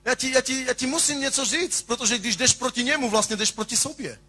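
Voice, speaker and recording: A male pastor delivers an impassioned sermon. His voice sits high and sounds bright and husky. He swings from singsong shouts to hushed asides.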